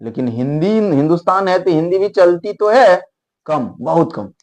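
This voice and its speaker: A man's voice: sits high, expressive, normal speed, a little mellow. A man teaching spoken English in a casual, rambling lecture, explaining with frequent restarts and asides. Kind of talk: spoken English lesson in Hindi.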